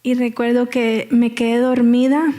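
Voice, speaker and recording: A woman's voice: on the high side, little pitch movement, unhurried, mellow. A woman telling her personal story as a church testimony, in a conversational way that repeats phrases and checks in with the audience. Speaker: guest speaker giving testimony.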